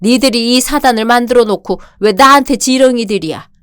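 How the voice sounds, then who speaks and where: A woman's voice: a little high, fairly quick, clean tone, no echo, studio quality, lightly acted. A woman reading the part of a domineering older father-in-law in a radio drama, barking insults and orders. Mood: contemptuous.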